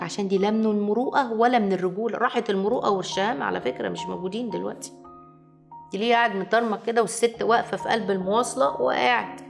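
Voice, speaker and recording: A woman with an Egyptian accent giving a lively advice lecture to viewers, acting out quoted people as she talks. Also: mid-range voice, gravelly. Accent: Egyptian Arabic. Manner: animated, acts out quoted voices. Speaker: family advice speaker.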